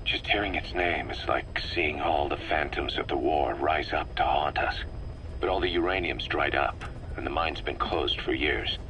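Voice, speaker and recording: In a grave, analytical mood, a low-voiced intelligence officer from a video game gives his commander a measured, expository briefing, his tone sharp-edged. The audio is poor, with light noise over it.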